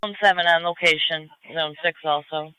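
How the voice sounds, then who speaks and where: A man's voice: fairly high pitch, fairly even intonation, normal speed, sharp tone, clean tone, no room sound, poor audio. A man acknowledging and reading back fire reports over a two-way radio.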